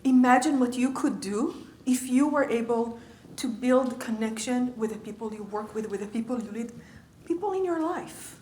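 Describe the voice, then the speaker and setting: A woman's voice: on the high side, expressive, normal speed, few pauses, mellow. Woman, leadership coach, lecture room, echoey, faint background noise. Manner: engaging, checks in with the audience often. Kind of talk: conversational lecture.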